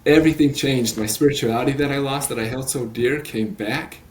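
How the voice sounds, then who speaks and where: A coach in his late thirties appears as a podcast interview guest, talking earnestly and rambling with many fillers and restarts. His medium-pitched voice is steady in tone and fairly quick.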